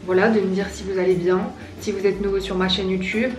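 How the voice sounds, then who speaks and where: A woman's voice: medium pitch, flat delivery, brisk, darkish tone. A young woman vlogging casually, explaining her design steps to viewers in a chatty, playful way. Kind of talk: casual tutorial vlog. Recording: roomy echo, voice from a distance, faint music.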